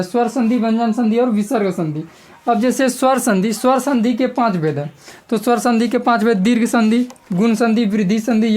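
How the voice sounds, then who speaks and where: A woman's voice: fairly high pitch, darkish tone. A woman teacher giving a grammar lesson step by step, repeating key terms and asking the class questions.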